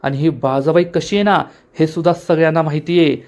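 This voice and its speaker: A man's voice: on the high side, steady tone, fairly quick, a little mellow, natural voice. A man voicing a hot-headed young man who bluntly defends his mother. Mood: angry. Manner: angry, blunt.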